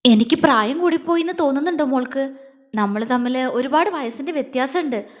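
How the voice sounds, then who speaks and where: A woman's voice: high-pitched, lively intonation, brisk, in a large hall. A woman voicing a tender, anxious husband who is fifteen years older than his wife, in a read-aloud romance story. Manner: pleading, emotional questions.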